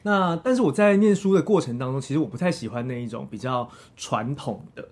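A man's voice: mid-range voice, lively intonation, fairly quick. A man with a Taiwanese Mandarin accent telling his story casually as an interview guest, in a self-deprecating way. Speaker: interview guest, theatre director.

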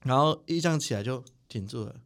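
A man, a spiritual teacher telling stories as a guest in a studio interview, animated and quick to mimic others. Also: medium pitch. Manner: animated, quick, mimics people mid-story. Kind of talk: casual interview storytelling. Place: podcast recording studio.

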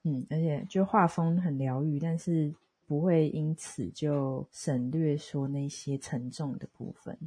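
A casual podcast co-host heard over a telephone call. The voice is middle-pitched and on the mellow side, with a slightly husky edge. The delivery is conversational and reflective, like retelling a story to a friend. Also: fairly even intonation, measured pace. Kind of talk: casual conversational discussion of a comic. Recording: recorded over a phone call.

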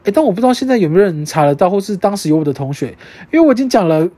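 A young adult podcast host with a Taiwanese Mandarin accent, telling a story in casual chat, animated and swearing freely. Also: mid-range voice, very fast, no echo.

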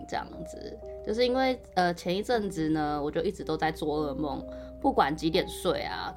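A woman co-hosting a podcast, telling a personal story casually and rambling with many fillers and restarts. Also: deep voice. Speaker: podcast co-host.

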